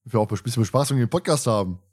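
A man's voice: mid-range voice, lively intonation, very fast, darkish tone, breathy edge. A man co-hosting a podcast, talking casually and rambling with frequent restarts. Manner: rambling, many restarts and fillers. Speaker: podcast co-host. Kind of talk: casual chat.

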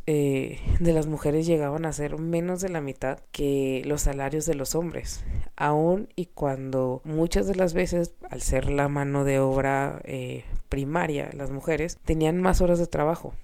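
A woman's voice: deep voice, gravelly, dark tone. A woman with a nasal, congested voice, sounding sick, hosting a semi-scripted podcast monologue in an earnest way with informal asides. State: sick with a cold. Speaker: podcast host, clinical psychologist.

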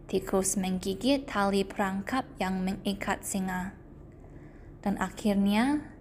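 A woman reading a children's fable aloud as narrator, clear and unhurried. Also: medium pitch, slight background noise. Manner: slow, clear storybook reading. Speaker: storyteller. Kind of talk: children's story read aloud.

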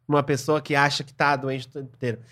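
A man's voice: mid-range voice, flat delivery, fast, a bit bright. A man guesting on a podcast in casual chat, telling self-mocking stories with animation.

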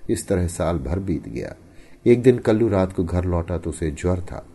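A man narrating a story in an expressive audiobook style, with emphatic rises and hushed falls. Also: low voice, normal speed, slightly rough.

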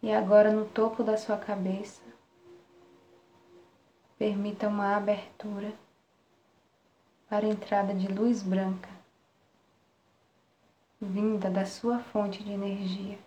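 A Brazilian woman guiding a relaxation meditation in a soft, soothing spa-like manner, with long pauses between short phrases. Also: mid-range voice, flat delivery, dull audio. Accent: Brazilian Portuguese. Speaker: meditation guide. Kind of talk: guided relaxation meditation, live. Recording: roomy echo, faint background noise.

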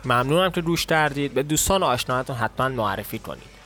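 A man, the host, reading a fantasy tale aloud in a steady, measured storytelling voice. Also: mid-range voice, faint music behind. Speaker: podcast host and narrator. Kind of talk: storytelling narration.

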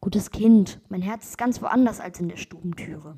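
A woman voicing a calm, sly old man in a read-aloud fairy tale, speaking slowly and with gentle amusement. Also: medium pitch, a little hiss or hum, close to an everyday voice.

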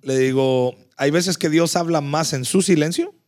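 A man's voice: fairly high pitch, moderate pace. Earnest pastor telling his story. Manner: earnest storytelling, repeats words when excited. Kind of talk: casual faith conversation.

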